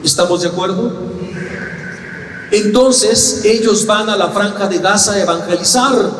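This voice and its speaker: A man's voice: sits high, measured pace, a bit bright. A man giving a sermon, telling a story with acted-out dialogue and asking the audience questions. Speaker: lay preacher. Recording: roomy hall, from a distance, faint noise.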